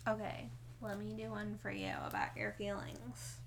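A woman in casual podcast chat, soft-spoken as she reads tarot for her co-host. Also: mid-range voice, sing-song, moderate pace, slight background noise.

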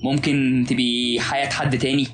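A man's voice: mid-range voice, level tone, a little fast. A man with an Egyptian accent in casual chat, musing philosophically and often restarting his sentences, with music playing underneath.

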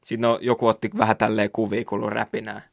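A young man with a low, gravelly voice talks loosely on a podcast, circling around his point and dropping casual swears. The sound is close and dry, with no room around it. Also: monotone, no echo. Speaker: podcast co-host. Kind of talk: casual chat.

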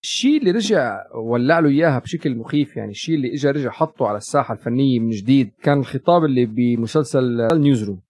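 A man co-hosting a casual film chat, an animated storyteller who acts out the quotes. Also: mid-range voice, very fast. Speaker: podcast co-host.

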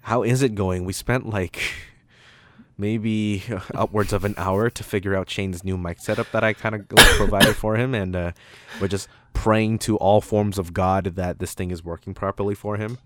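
A man's voice: on the low side, fairly even intonation, normal speed, fairly bright tone, no room sound. A young Canadian man hosting a casual podcast, chatting in a joking, crude way and swearing freely. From Toronto, Canada. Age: young adult. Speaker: podcast host.

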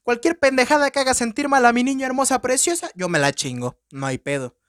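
A cold, protective killer doll who speaks bluntly and crudely, as a man with a Mexican Spanish accent puts her on. The delivery is deadpan and slowed, with a dry, close sound. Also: very high voice, no echo.

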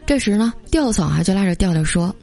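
A young woman hosts her own podcast, telling funny everyday anecdotes in a chatty, storytelling way. Her voice sits at a middle pitch. Soft background music plays under her talk. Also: lively intonation, fairly quick, vocal fry. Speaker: podcast host.

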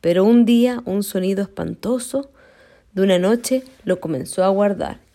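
A woman reading a children's story aloud in an expressive, slow, deliberate way, sometimes stumbling and restarting a word. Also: medium pitch, background noise.

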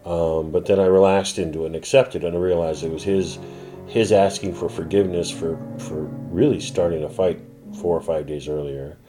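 A middle-aged man, a defense attorney, telling a personal story in an interview in a reflective, measured way with pauses. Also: sits low, steady tone, music in the background. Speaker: defense attorney, former prosecutor. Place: his law office.

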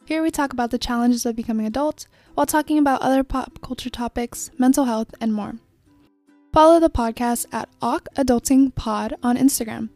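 A woman's voice: fairly high pitch, brisk, darkish tone, no room sound, soft background music. Young woman chatting on her podcast. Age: young adult. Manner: rambling, self-reflective, frequent fillers. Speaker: podcast host. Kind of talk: casual solo podcast chat. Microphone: phone and microphone.

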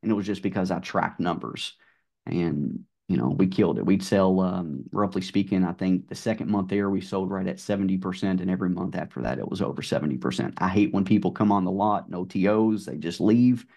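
Low-voiced man with a Southern drawl. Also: a little fast, gravelly. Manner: relaxed, storytelling with fillers. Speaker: guest, car sales manager. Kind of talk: casual podcast conversation.

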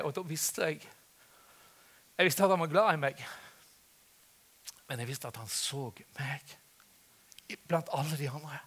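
Older man preaching with earnest swings. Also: a little high. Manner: earnest, swings from soft near-whispers to loud emotional calls. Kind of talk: sermon.

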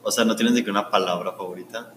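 Co-interviewer: man, lowish voice, hesitant questions, roomy and noisy recording. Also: fairly even intonation, fast. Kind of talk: casual interview.

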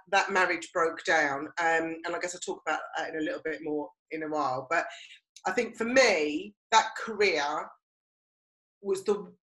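In an echoey, roomy recording, a middle-aged Essex woman from Romford co-hosts a podcast, telling personal stories in a relaxed conversational manner. Her voice is lowish and a bit bright, with a distinct Essex English accent.

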